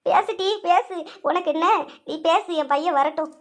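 A woman's voice: very high-pitched, normal speed, fairly bright tone. A woman voicing a quarrelsome older mother-in-law who scolds and bickers. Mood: quarrelling. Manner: bickering, scolding, self-pitying. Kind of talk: cartoon voice acting.

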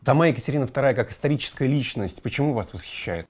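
A man working as a TV interviewer who asks his questions in a calm, conversational way. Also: mid-range voice, fast.

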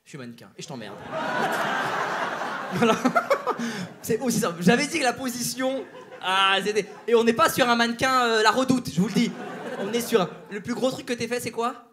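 High-voiced man teasing a live crowd. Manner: teasing, quick banter with audience members. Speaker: stand-up comedian. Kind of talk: crowd work on stage. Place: theater stage before a live audience. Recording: live show with loud audience laughter and noise.

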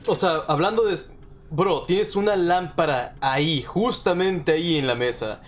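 A man's voice: a little high, a little slow, slight background noise. A man with a Mexican Spanish accent commentating a live horror game stream, jumpy, swearing and nervously repeating himself. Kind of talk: live let's-play commentary.

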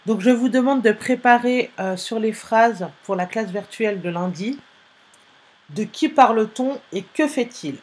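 A woman's voice: a little high, animated, unhurried, a little mellow. A woman teacher giving a spelling dictation to young pupils, repeating each word and spelling it out letter by letter. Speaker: primary school teacher.

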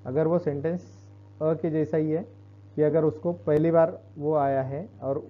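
A man teaching English grammar in a classroom-style lesson, explaining slowly and repeating each point. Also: a little high, fairly even intonation. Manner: explains slowly, repeats points, switches between Hindi and Marathi. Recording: dull lo-fi recording.

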